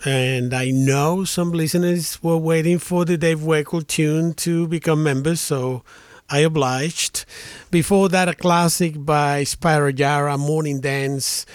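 A man's voice: on the high side, steady tone, slow, hardly any pauses, dry recording, studio quality. A man hosting a radio show, talking in a friendly way that often stumbles and restarts sentences. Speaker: radio host. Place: radio studio.

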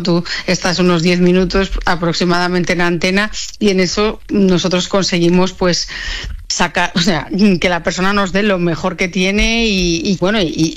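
A woman, a television producer, answering interview questions with enthusiasm and frequent repeated words. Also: on the low side.

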